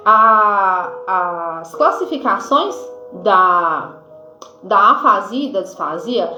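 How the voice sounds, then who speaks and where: A woman nurse with a Brazilian accent gives an informal health lesson, with many fillers and pauses to check her notes. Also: fairly high pitch, fairly bright tone. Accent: Brazilian Portuguese. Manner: informal teaching, frequent fillers like "né" and "tá"; reads from notes at times. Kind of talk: explanatory health lesson to camera. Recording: echoey room, dull lo-fi sound, faint music.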